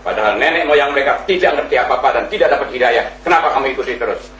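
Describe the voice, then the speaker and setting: A man's voice: mid-range voice, rapid-fire, fairly bright tone, roomy sound, recorded from a distance, a little hiss or hum, low-quality recording. A man making an impassioned religious debate argument, reciting verses and acting out pleading voices. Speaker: debate speaker.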